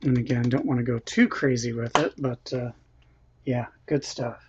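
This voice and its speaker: Background noise runs under this home-kitchen cooking livestream, where a man eats, chats, reads out viewer comments, and laughs frequently. His mid-range voice moves at a moderate pace with fairly even intonation, captured by a built-in camera microphone in dull lo-fi audio.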